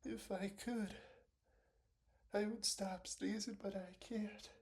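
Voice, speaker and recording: A man acting out a cartoonish sneezing fit, with drawn-out build-ups, loud exaggerated sneezes and apologetic, half-whispered asides. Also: sits high, steady tone.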